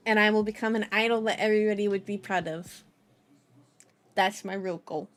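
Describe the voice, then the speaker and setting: A VTuber host chats casually on her livestream over background music, phrasing things in a playful, childlike way and repeating herself. Her voice is medium-pitched with fairly even intonation, at a moderate pace.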